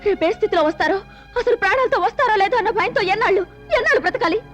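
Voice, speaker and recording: A woman's voice: extremely high pitch, racing, fairly bright tone, faint music behind. An actress playing an anxious wife who pleads with her husband in a film drama. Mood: pleading. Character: anxious wife of the male leader.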